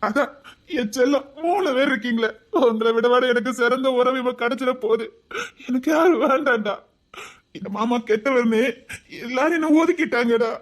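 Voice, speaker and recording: A woman's voice: on the high side, moderate pace, lightly acted. A woman playing a lonely, remorseful village uncle with a Tirunelveli accent, talking in an emotional, pleading, tearful way in a web drama. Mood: relieved. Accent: Tirunelveli Tamil.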